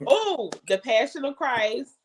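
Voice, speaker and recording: Lively-voiced woman guest from New Orleans. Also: sits high, takes it slowly. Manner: hesitant, laughs easily. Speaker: podcast guest, author. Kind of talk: casual podcast chat.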